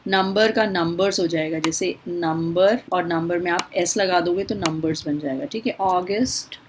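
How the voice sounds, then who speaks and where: A woman's voice: lowish voice, measured pace, a little hiss or hum, rough recording. A woman teaching English in Hindi, patiently drilling word lists one by one. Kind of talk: spoken English lesson in Hindi.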